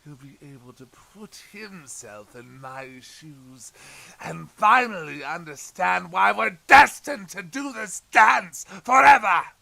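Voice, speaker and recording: A man playing the Joker as an unhinged, anguished and menacing clown villain in an audio drama, theatrical, swinging between hushed brooding and shouting. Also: high-pitched, expressive, slow pace, vocal fry, heavily acted, low-quality recording. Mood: intense.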